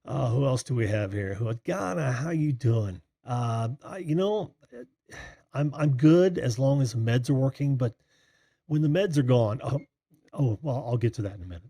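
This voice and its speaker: Breathy, mellow American man hosting a livestream. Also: mid-range voice, expressive, normal speed, no room sound, studio quality. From Indiana, United States. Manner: rambling, distracted, friendly familiar address. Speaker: host of a live call-in show. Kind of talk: casual live stream chat, greeting viewers by name.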